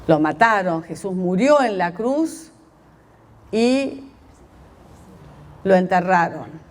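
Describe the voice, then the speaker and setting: A woman slowly telling a story as a meditation, pausing often and voicing the quoted lines of its characters. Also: on the low side, animated.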